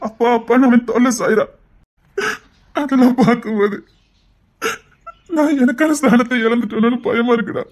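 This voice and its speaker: A man's voice: very high-pitched, fairly even intonation, normal speed, long pauses, darkish tone. A heartbroken father. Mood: grieving. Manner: heartfelt, pleading confession to a friend. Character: heartbroken father whose daughter prefers another man. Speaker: father in a TV serial. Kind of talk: TV serial drama acting.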